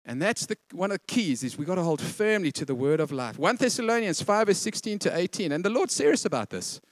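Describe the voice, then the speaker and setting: A man preaching with a high, sing-song voice that leaps all over the place. He's animated and playful, acting out quotes between the points of his sermon. The sound is close and dry. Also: fairly quick, no echo. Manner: animated, acts out quotes, laughs often. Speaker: pastor.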